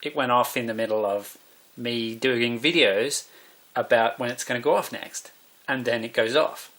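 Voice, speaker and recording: A man rambles to camera in a loose, musing monologue. He drifts between thoughts and stops to correct himself. His voice sits at an everyday mid pitch. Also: moderate pace, fairly bright tone. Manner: musing, meandering, self-correcting. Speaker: vlogger.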